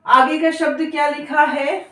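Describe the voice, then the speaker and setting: Woman teacher stretching out words real slow, sounds a bit far off the mic. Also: sits high, level tone, a bit bright, echoey room. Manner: stretches long vowels, repeating each word several times. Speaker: Hindi reading teacher. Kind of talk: slow, drawn-out spelling lesson for beginners.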